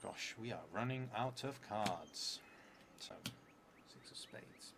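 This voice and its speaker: Seated at a table in a theatre's indoor room, this solo tabletop roleplay streamer, a man from outside England, reads game prompts aloud and adds casual asides. His voice is low, expressive, and slow, and he comes across as hesitant, muttering and thinking aloud, while the live stream room is clearly noisy.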